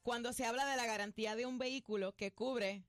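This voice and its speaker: A woman with a Puerto Rican accent hosting a quiz segment on a radio show, reading clues briskly and firmly correcting answers. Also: fairly high pitch, fairly even intonation, faint music behind. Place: radio studio.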